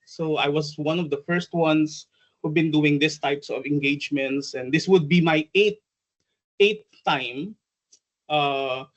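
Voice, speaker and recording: In a rough recording, a man with a slightly high voice runs an online conference workshop. He's a trainer and presenter from the Philippines, probably in his forties, with a Filipino accent and a chatty, hesitant delivery peppered with ums and uhs.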